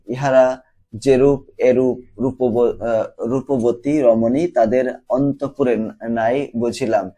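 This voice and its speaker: A man's voice: medium pitch, warm tone. Man walking students through exam answers. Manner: explanatory, repeats words to model pronunciation. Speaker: teacher. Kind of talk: exam question walkthrough.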